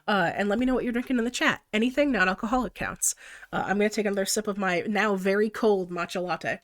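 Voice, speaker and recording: A young woman on a live stream, congested from the flu, chats and giggles while explaining her digital art process and reading chat aloud. She speaks quickly in a mid-range voice.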